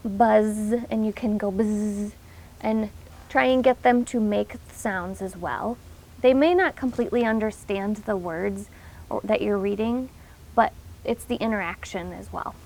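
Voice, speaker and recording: A woman's voice: medium pitch, normal speed, vocal fry, darkish tone. A woman giving an informal, instructional talk to parents, explaining things in an encouraging way.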